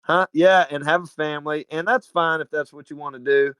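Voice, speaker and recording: A man from Alabama with a Southern US accent, telling stories as a podcast guest in an animated, slangy, profane way. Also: a little high, a little fast, clear, resonant tone, dry recording. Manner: animated, slangy and profane, calls everyone dude. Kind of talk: casual storytelling chat.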